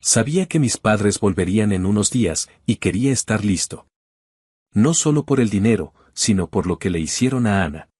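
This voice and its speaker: Husky male storyteller, close and dry. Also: on the low side, dry recording. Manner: steady, measured retelling. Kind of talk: first-person dramatic story narration.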